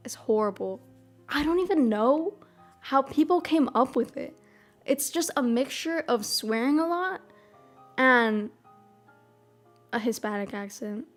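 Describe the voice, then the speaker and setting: A high-pitched young woman, a streamer from the American South with a mild Midwestern accent, chats casually over soft piano music. She's bubbly and rambling, dropping lots of "freaking" and "oh my God."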